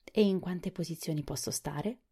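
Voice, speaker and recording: A woman voicing a meek, newly living male wooden sawhorse in a storybook, asking puzzled questions in a raised, husky voice. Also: mid-range voice, expressive, a little fast, warm tone, pitched above the performer's own voice. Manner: surprised, innocent questioning.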